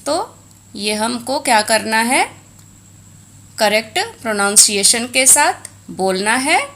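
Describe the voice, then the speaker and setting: A woman's voice: fairly high pitch, expressive, slow pace, a bit bright. A woman with an Indian accent teaching a textbook lesson, explaining in Hindi mixed with English and reading Sanskrit aloud.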